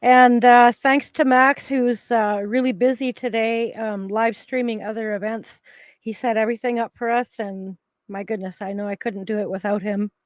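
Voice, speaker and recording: A woman's voice: on the high side, fairly even intonation, normal speed, dry recording. A woman hosting a casual interview, friendly and a little hesitant with fillers. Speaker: host.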